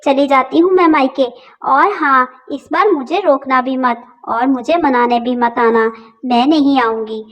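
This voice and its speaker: A woman's voice: high-pitched, a little slow. A woman voicing a quarrelsome young wife who sarcastically threatens to leave for her parents' home. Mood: petulant. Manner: whiny, sarcastic, dramatic.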